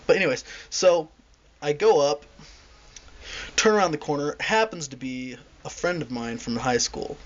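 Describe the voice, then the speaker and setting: Rambling young man telling a story. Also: mid-range voice. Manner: rambling, exasperated, acts out quotes. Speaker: vlogger. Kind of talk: casual storytelling. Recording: dull lo-fi home video with faint hiss.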